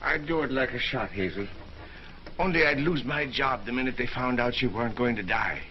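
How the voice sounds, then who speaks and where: An actor playing a wry, grumbling small-town doctor in dry 1930s screwball comedy banter, from an old film soundtrack. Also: male voice, mid-range voice, fairly quick, lightly acted. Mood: aggrieved. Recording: muffled 1930s film soundtrack, faint noise.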